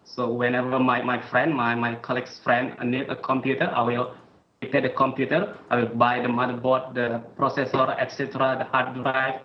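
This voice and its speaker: A man's voice: mid-range voice, flat delivery. A man from Indonesia with an Indonesian accent, speaking carefully as an interview guest, with frequent "uh" fillers. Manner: careful, halting speech with "uh" fillers. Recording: roomy, dull remote line.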